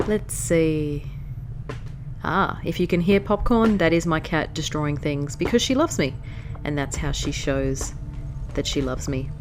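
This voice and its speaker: Hay fever leaves this woman's deep voice stuffy and nasal as she offers casual commentary on a strategy game. As a let's play host she's animated yet unhurried, chatty and prone to distraction. The background is noisy.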